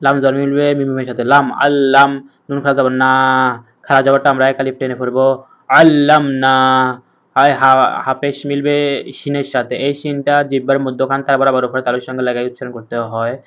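A man teaching Quran reading, patiently spelling out each letter and sound in a slow step-by-step lesson. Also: medium pitch, flat delivery, a bit bright, smooth, lo-fi sound.

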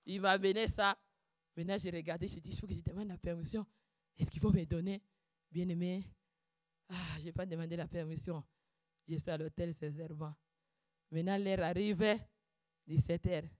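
A woman giving a fervent preaching testimony, breaking into loud shouted calls of praise and dropping to quiet, low asides. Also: steady tone, moderate pace, long pauses, no room sound, studio quality. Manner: drops to quiet, low asides between outbursts. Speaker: church speaker giving testimony.

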